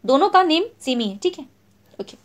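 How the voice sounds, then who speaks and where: A woman teaches literary terms for an exam in a high voice that swings widely in pitch. She reads each English definition slowly and clearly, then goes over it again in Hindi. She keeps checking in with the class as she goes. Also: sing-song.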